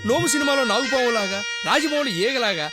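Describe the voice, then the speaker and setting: A man's voice: very high-pitched, fairly quick, loud music behind the voice. An actor playing a fussy husband in a film comedy, grumbling about his stolen clothes.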